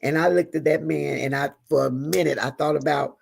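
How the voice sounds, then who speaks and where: A woman's voice: low-pitched, fairly quick, gravelly, breathy edge. A middle-aged woman, a pastor's wife and interview guest, telling a personal story earnestly and with feeling. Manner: earnest, animated, leans on endearments like "honey" and "girl".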